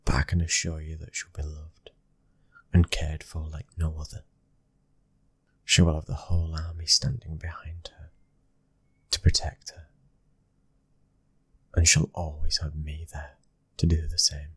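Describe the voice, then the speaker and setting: Here a British man performs a tender, devoted mafia husband and father for an ASMR roleplay, his very deep voice kept to a gentle, breathy hush that frequently becomes a whisper. The heavily acted delivery is monotone and a little slow, with long pauses and a loving mood. No room sound can be heard.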